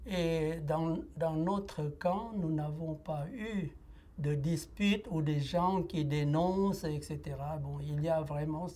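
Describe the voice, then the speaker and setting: Slow, hesitant man. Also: on the high side, warm tone. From Laos. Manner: hesitant, with frequent pauses and filler sounds. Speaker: interviewee giving a personal testimony. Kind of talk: reflective testimony interview.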